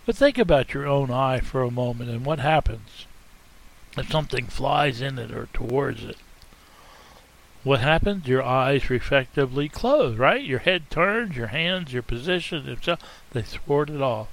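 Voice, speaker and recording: Gravelly, slow-paced male pastor preaching. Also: medium pitch, lively intonation. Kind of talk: sermon.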